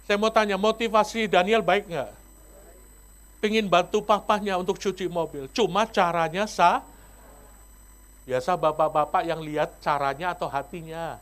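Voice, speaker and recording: A male pastor preaching a sermon, acting out the voices of the people in his story with big swings in pitch. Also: fairly even intonation, normal speed, fairly bright tone.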